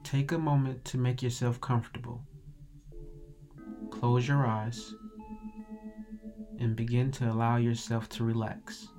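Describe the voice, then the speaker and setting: A man narrating a guided meditation in a calm, soothing, measured meditative tone. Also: mid-range voice. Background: music.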